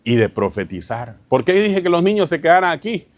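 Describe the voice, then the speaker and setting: A man with a fairly high voice preaches a teaching sermon to his congregation. He keeps checking whether they follow him and calls them brother. He tells stories in an easy, informal way. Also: very animated, a little fast, no room sound. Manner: keeps asking the congregation rhetorical questions, addresses them as "hermano". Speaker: pastor.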